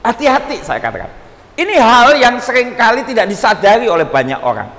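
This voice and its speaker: A male pastor preaches with humor, calling out to his congregation in a high, lively voice. His words ring through a church hall with a long reverb. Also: fairly quick. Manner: animated, joking, often addresses listeners as brothers. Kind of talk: sermon.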